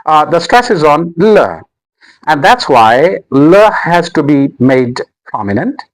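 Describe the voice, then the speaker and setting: Slow, deliberate male English teacher. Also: fairly high pitch, very animated, poor audio. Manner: repeats each word slowly, stressing syllables. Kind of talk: slow, deliberate pronunciation lesson.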